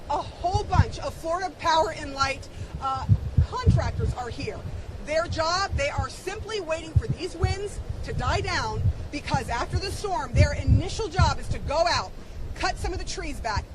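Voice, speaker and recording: Female field reporter, high-pitched and emphatic, shouting live storm updates through loud hurricane wind noise. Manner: raised voice, shouting over wind; emphatic, repeats words for stress. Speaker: television reporter. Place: outdoors on upper floor in hurricane winds. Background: roaring wind.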